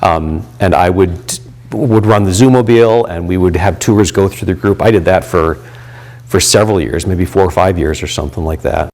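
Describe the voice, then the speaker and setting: A man in his late fifties with a deep, low voice talks through his volunteer ministry work. He speaks in a loose, rambling way, full of "um"s and restarted sentences. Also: moderate pace, darkish tone. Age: 50s. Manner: rambling, many fillers and restarts. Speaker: volunteer chaplain and pastor. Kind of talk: reflective interview talk.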